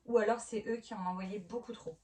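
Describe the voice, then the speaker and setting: A woman in her thirties chats casually while unboxing a haul for her family vlog, often exclaiming and restarting her sentences. Her medium-pitched voice is steady in tone and quick in pace. The mic sits at a distance, and background noise is clearly audible.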